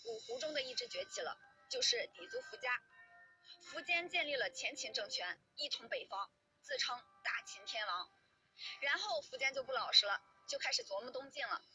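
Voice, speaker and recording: High, very bright, raspy woman narrator. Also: low-quality recording. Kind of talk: scripted history narration.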